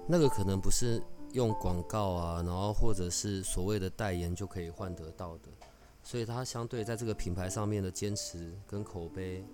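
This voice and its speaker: A man hosting a podcast who talks in a chatty, teasing, animated way. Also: sits low, moderate pace, over music. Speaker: podcast host. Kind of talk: casual podcast conversation.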